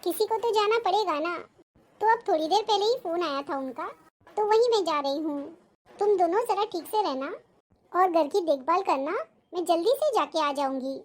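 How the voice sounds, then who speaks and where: A woman's voice: very high voice, normal speed. An actress playing a caring older mother-in-law who heads the household, in a family drama. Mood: gentle. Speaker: actor.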